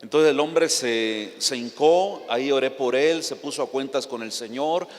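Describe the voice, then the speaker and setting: A man preaching a sermon, telling a story with impassioned bursts that rise toward shouting. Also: mid-range voice, unhurried, big-room sound. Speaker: pastor.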